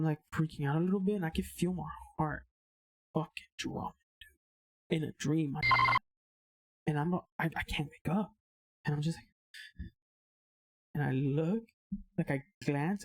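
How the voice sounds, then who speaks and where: A man, a podcast guest, telling a story in casual chat. He is animated, swears a lot and mixes in Spanish slang. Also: on the high side, moderate pace, long pauses, no room sound.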